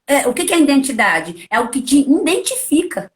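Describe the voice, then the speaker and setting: A middle-aged woman preaching in a friendly, conversational way. Her voice sits a little high, and she keeps asking rhetorical questions. She hits her key points with sudden leaps in pitch. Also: big pitch swings, normal speed. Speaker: preacher, guest. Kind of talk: conversational testimony and teaching.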